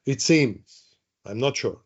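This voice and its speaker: A man's voice: medium pitch, animated, takes it slowly, husky. Man leading a webinar over call. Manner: chatty, repeats words, asks audience questions. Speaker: webinar trainer. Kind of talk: live online workshop teaching. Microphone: video call. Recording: dull lo-fi online call audio.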